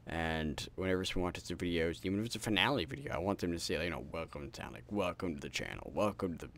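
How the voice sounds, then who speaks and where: A man's voice: low voice, fast talker, a bit bright, a little hiss or hum. A tired man hosting a gaming channel, rambling casually to his viewers and swearing freely. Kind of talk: rambling outro chat to viewers.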